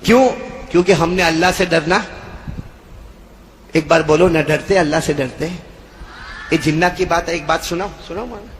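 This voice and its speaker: A man preaching to a live gathering. He jokes, quizzes the crowd, and swings between soft asides and shouts. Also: a little high, long pauses, big-room sound, slight background noise. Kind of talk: lively storytelling sermon. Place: live religious gathering with a stage.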